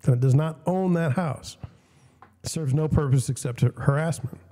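A man's voice: a little high, moderate pace, warm tone, long reverb tail. A young man with a scratchy voice and a cough, hosting casual commentary, reading out news and questions and giving blunt opinions with frequent restarts. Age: young adult. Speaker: host.

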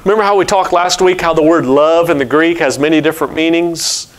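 An older man, a pastor, preaching a steady explanatory sermon from a church pulpit on a headset mic. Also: fairly high pitch. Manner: explanatory teaching, steady and measured.

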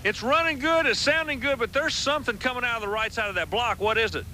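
Fast, bright-voiced male pit reporter, handheld mic, engine noise behind. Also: very high-pitched. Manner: quick, upbeat questioning. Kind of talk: trackside interview. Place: outdoor racetrack.

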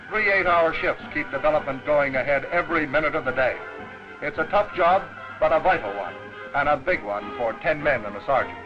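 A man narrates in the brisk, declamatory manner of an old newsreel, his voice sitting a little high. The sound is dull and lo-fi, like a 1940s soundtrack. Music plays clearly behind him.

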